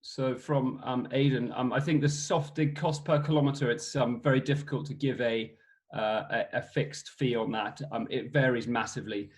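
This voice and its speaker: A man answering a webinar question, pausing often with ums and restarts. His voice is of middle pitch and plain. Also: fairly even intonation. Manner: hesitant, many fillers.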